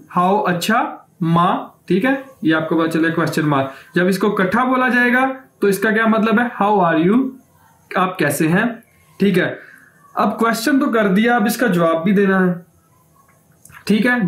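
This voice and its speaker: A man with a fairly high voice teaches a language lesson in a room that echoes. He repeats each new word slowly and keeps asking the viewer questions, then answers them himself. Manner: slow drawn-out repetition of words. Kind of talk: classroom lesson explanation.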